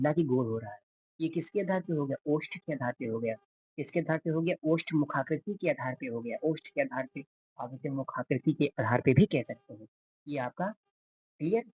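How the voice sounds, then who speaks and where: Husky man teaching a grammar class. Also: a little high, a little mellow. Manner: repeats definitions, quizzes students with questions. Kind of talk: classroom lecture with drills.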